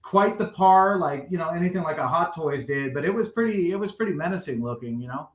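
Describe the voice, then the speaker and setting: A man in his forties with a slightly higher voice chats easily as a podcast guest, rambling through his memories at a relaxed clip. His voice rings in a roomy, echoey space. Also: brisk. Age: 40s. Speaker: guest collector. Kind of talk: casual podcast chat. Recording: roomy echo.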